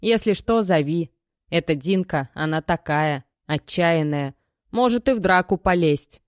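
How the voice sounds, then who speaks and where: A woman's voice: fairly low pitch, lively intonation, unhurried, dry recording, studio quality. A woman reading an audiobook and voicing a worried middle-aged mother who is anxious and protective. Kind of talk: audiobook character voice.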